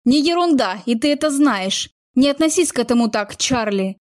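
A woman's voice: high-pitched, lively intonation, moderate pace. A woman voicing a young male soldier who lectures his girlfriend in a reproachful tone. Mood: scolding. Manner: scolding, moralizing tone. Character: young man, soldier, stern and reproachful boyfriend.

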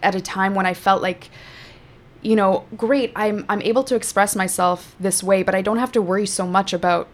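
This woman, a teacher and spoken word poet with Afrikaans as her first language, recites a poem with slow drama and discusses the art of it. Her mid-range voice stays steady.

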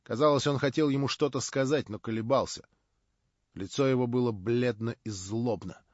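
A man narrating a literary audiobook with dramatic, animated delivery. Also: medium pitch, normal speed, no echo, highs cut off. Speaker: audiobook reader.

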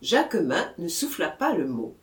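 A reader narrating a classic novel in a slow, expressive storytelling manner. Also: medium pitch. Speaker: audiobook reader. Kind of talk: literary audiobook narration. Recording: roomy echo.

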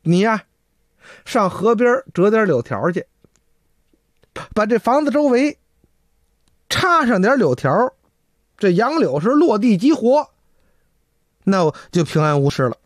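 A man's voice: high voice, sing-song, measured pace, pauses often, no room sound, studio quality, voice pushed up. Man voicing a lecturing male loach spirit, storyteller's bossy folk-tale demon. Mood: scolding.

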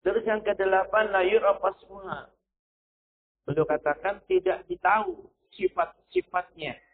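A man's voice: sits high, huge pitch swings, unhurried. A male preacher giving a sermon, stressing points with a repeated "ya" and quoting Arabic verses. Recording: tinny phone-like recording.

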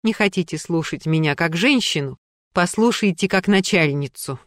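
A woman's voice: fairly low pitch, expressive, normal speed, no echo, clean studio sound, natural voice. A woman narrating an audiobook, voicing a stern, commanding old woman who runs a museum. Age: older. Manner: commanding, lecturing, firm.

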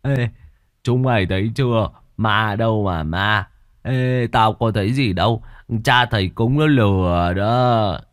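A man's voice: fairly low pitch, unhurried, dry recording, studio quality, lightly acted. A man voicing a chubby village boy who talks brashly and stutters when frightened in a spoken ghost story. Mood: cocky. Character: chubby boy, cocky, then terrified.

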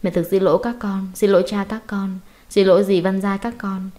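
A woman's voice: medium pitch, fairly even intonation, fairly quick, dark tone, close to an everyday voice. A woman reading as a dying, guilt-ridden mother. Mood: remorseful.

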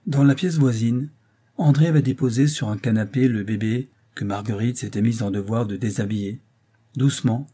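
A man narrating a novel as an audiobook reader, in a calm, measured delivery. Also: medium pitch, slightly rough.

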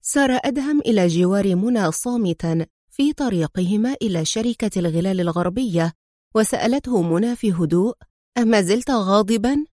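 A woman's voice: medium pitch, animated, a little fast, warm tone, no room sound, studio quality. Woman narrating an audiobook. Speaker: storyteller.

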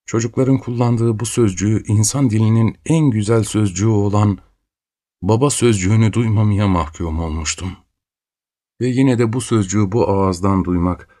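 A man with a very deep, low voice reading a story aloud. His delivery is slow, grave and intense, in the manner of a dramatic audiobook. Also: mellow. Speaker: narrator.

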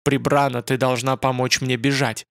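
A man's voice: medium pitch, little pitch movement, moderate pace, gravelly, fairly bright tone, smooth, no room sound, studio quality. A man voicing a proud, fierce young woman held captive, urgent and commanding. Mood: pleading.

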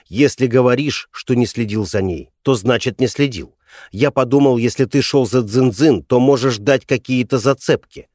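A man's voice: mid-range voice, moderate pace, darkish tone, no room sound, clean studio sound, close to an everyday voice. A man voicing a troubled middle-aged father who questions his son hesitantly and carefully in an audiobook.

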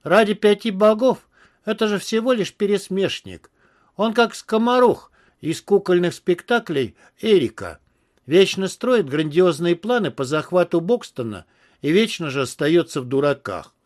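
A man's voice: high-pitched, expressive, normal speed, voice pushed up. A man voicing a brash bull-headed male detective who teases and grows weary. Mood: exasperated. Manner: jovial, teasing, then weary.

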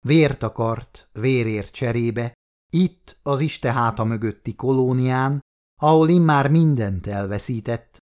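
A man narrating an audiobook in a measured, dramatic way, slowing down on tense phrases. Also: medium pitch, a little mellow.

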